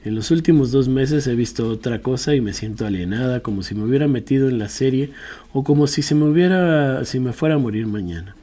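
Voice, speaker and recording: A man reading a personal essay aloud in a measured, reflective way, now and then correcting a slip. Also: medium pitch, warm tone. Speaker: reader.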